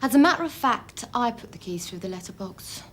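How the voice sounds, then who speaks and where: A woman's voice: on the high side, animated, fairly quick, fairly bright tone. An actress playing a curt, defensive young woman being questioned by police in a 1990s British drama.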